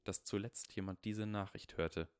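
A man's voice: fairly low pitch, fairly even intonation, moderate pace, smooth, dry recording, studio quality, lightly acted. Man doing a stern older woman professor. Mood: grave.

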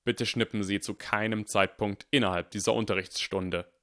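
A man voicing a stern, cunning male teacher who speaks calmly, deliberately and firmly. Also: fairly low pitch. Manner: calm, deliberate and firm.

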